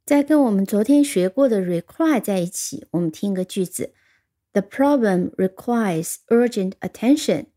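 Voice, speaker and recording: A woman teaching English vocabulary in a recorded lesson, slowing down to spell out and repeat English words and example sentences. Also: medium pitch, expressive, dark tone.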